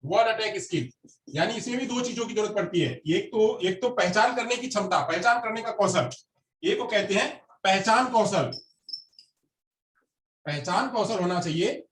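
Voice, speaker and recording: High-voiced man lecturing a class. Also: lively intonation, moderate pace, a bit bright, a little hiss or hum. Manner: repeats phrases, quizzes the class. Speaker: teacher. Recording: roomy classroom recorded from a distance.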